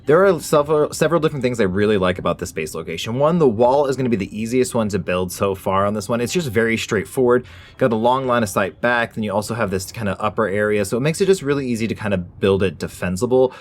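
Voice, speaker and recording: A man's voice: on the low side, lively intonation, fast talker. A man hosting a gaming channel, giving a casual, informal top ten countdown style commentary on ranked entries. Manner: informal, folksy phrasing.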